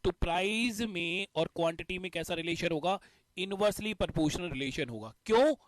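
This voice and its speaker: A man's voice: high-pitched, moderate pace, no room sound. A male teacher explaining a math concept step by step, repeating the key points. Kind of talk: exam-prep math lesson.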